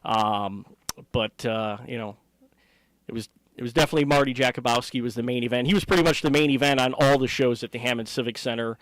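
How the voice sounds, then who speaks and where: A man's voice: medium pitch, fast talker, fairly bright tone, no room sound. A middle-aged man with an American accent, a ring announcer answering interview questions conversationally.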